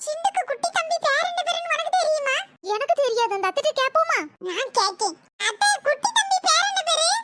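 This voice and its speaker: Squeaky chipmunk cartoon villagers. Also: lively intonation, a little fast. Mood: excited chatter. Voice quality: squeaky, sped-up sounding. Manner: chatty, calls to family and viewers. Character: chipmunk-pitched cartoon village mothers and kids. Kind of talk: cartoon voice acting. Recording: noisy cartoon soundtrack.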